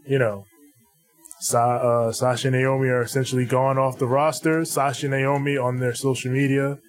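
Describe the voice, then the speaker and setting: A man's voice: medium pitch, little pitch movement, normal speed, soft background music. A man co-hosting a podcast, chatting informally through news with repeated phrases and some swearing. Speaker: podcast co-host. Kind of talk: casual wrestling news chat.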